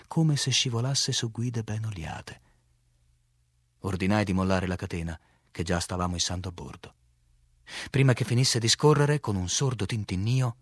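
A man's voice: medium pitch, breathy edge, dry recording, studio quality. A man narrating a literary audiobook, reading with drama and swelling on the tense passages.

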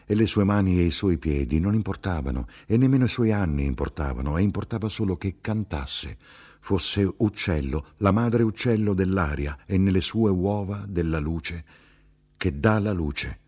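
A man reading a literary story aloud in a measured, lyrical way. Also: lively intonation, a little mellow, slightly rough. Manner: measured, lyrical, with dialogue tags dropped low. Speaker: narrator.

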